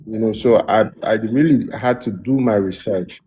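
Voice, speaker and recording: A man's voice: fairly low pitch, normal speed, slight background noise. A man, a music producer, telling his story in a casual interview with a lot of restarts. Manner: relaxed, loose storytelling with many restarts.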